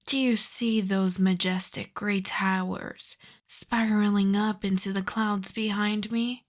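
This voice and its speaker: A woman playing an ancient aristocratic vampire countess in an ASMR roleplay, soft and breathy with whispers, speaking in a refined, coy, teasing way. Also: medium pitch, steady tone, slow, natural voice. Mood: proud, coaxing. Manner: refined, coy, formal old-fashioned phrasing. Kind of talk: ASMR roleplay, slow intimate scripted monologue.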